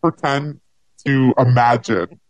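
In a live audio interview, a host speaks through a voice changer that drops the pitch into a deep, robotic tone. The chat is casual and upbeat, heavy on fillers, and taken slowly. The audio quality is poor.

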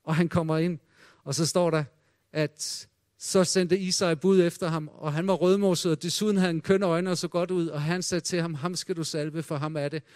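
A man preaching a sermon in a high, light voice, telling the old stories with drama. He drops almost to a hush when he quotes the voices in them. The sound is dry and close, with no room echo. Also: steady tone.

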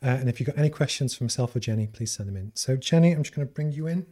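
A man's voice: medium pitch, very fast, warm tone. A man from Liverpool with a light Scouse accent, hosting a live-streamed business interview and rambling with many fillers. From Liverpool, England. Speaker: interview host.

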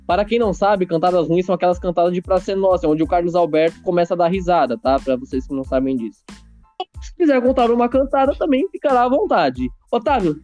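A man's voice: sits high, expressive, fast talker, a little mellow, dull audio, faint music behind. A man hosting a casual podcast, playfully explaining a segment to a guest. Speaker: podcast host.

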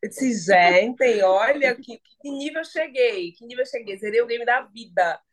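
Lively Bahian woman, podcast guest. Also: fairly high pitch, normal speed. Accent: Bahian Brazilian Portuguese. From Salvador, Bahia, Brazil. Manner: lively, laughing, playful. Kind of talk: casual podcast chat.

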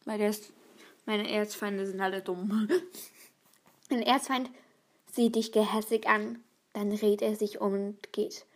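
A woman reading a personality quiz aloud and answering it herself, talking fast, stumbling and restarting, at times dropping to a whisper. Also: mid-range voice, steady tone. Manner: reads quickly, stumbles and restarts, sometimes drops to a whisper. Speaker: video host taking a quiz.

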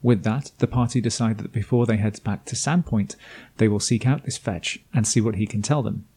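A man serving as game master and podcast host narrates a scripted recap of a tabletop campaign. His low, mellow, slightly husky voice holds a steady tone at a moderate pace, with dry, self-deprecating asides along the way.

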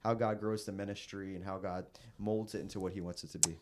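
A young man preacher sharing his testimony in a casual interview, earnest and halting with frequent restarts. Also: low-pitched, level tone, a little mellow. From raised in the Philippines, American. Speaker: guest preacher.

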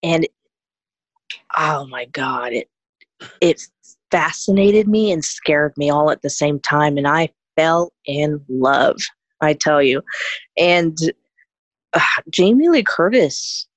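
A woman's voice: low voice, expressive, slow pace, pauses often, no echo. A woman chatting casually as an interview guest, effusive and gushing as she talks. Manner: gushing, effusive about films. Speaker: podcast guest, horror hostess.

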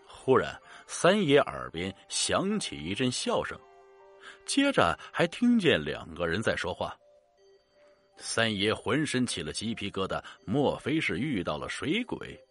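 A man hosting and narrating a ghost story in a hushed, suspenseful way. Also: lowish voice, wildly swooping pitch, unhurried, faint music behind. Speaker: storyteller host.

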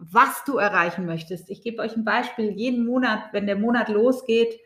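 A woman's voice: on the high side, normal speed. A woman hosting a spiritual business podcast, talking spontaneously from the gut with fillers and direct address to listeners. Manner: speaks off the cuff with fillers, warm direct address. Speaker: podcast host.

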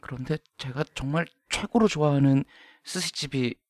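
A man chatting casually as a panel guest, in an unhurried, halting and dryly humorous way. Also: fairly high pitch, a little mellow, dry recording, studio quality. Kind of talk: casual chat.

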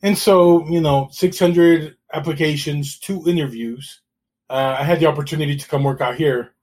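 A man's voice: a little high, moderate pace, darkish tone. Middle-aged man from El Salvador. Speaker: guest, realtor. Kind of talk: casual interview storytelling.

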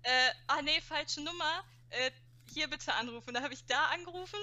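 Bright high-voiced young woman telling stories. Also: moderate pace. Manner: animated anecdote telling with acted-out quotes and youth slang. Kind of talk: casual storytelling chat.

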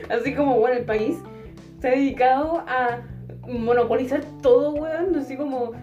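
A woman's voice: high-pitched, moderate pace, warm tone, echoey room, highs cut off, faint music behind. A young woman with a Chilean accent, ranting with strong opinions in a casual chat among friends, often laughing.

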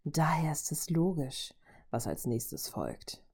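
Woman putting on a creepy robot bad guy, low murmury whisper, mellow dark tone. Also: sing-song, slow, husky, heavily acted. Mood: menacing. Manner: low hushed menacing murmur. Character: cold menacing male robot villain.

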